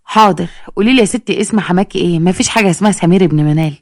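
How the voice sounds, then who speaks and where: A woman's voice: on the low side, very fast, dry recording, clean studio sound, lightly acted. A woman voicing an exasperated young Egyptian pharmacist who answers customers sarcastically. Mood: exasperated, sarcastic.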